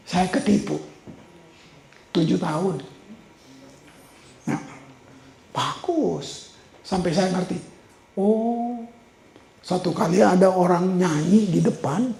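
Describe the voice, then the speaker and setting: Gravelly man preaching in roomy hall. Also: high-pitched, dark tone, slight background noise. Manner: storytelling, repeats words for emphasis. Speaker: pastor. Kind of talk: sermon. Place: church hall. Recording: roomy church hall echo.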